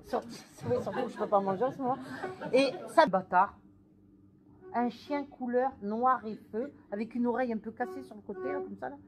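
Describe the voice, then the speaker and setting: A woman giving a psychic reading in a theatrical, drawn-out way. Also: a little high, crowd noise. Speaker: medium.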